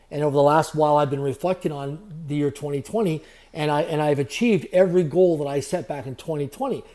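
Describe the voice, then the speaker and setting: Male podcast guest, fast delivery, warm dark tone, upbeat business talk. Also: on the high side. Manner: fast, repetitive motivational phrasing. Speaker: guest, entrepreneur. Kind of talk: podcast interview.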